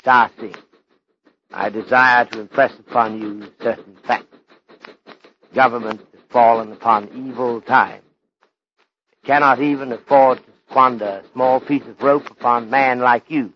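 A medium-pitched man voices a polite, severe Chinese detective for a vintage radio play, with measured, flowery English that leaves out articles. The acting is light, and the dull, lo-fi old recording carries slight background noise.

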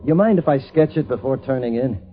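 An actor playing a cocky, wry frontier painter with sardonic banter, in old radio drama style. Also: male voice, mid-range voice, animated, fairly quick, lightly acted. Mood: wry, probing. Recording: phone-like, thin old radio recording.

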